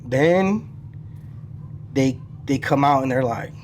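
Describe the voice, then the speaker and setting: A man, a podcast guest telling his franchise story in a casual, profane, animated way and acting out the people he quotes. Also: mid-range voice, takes it slowly, slight background noise.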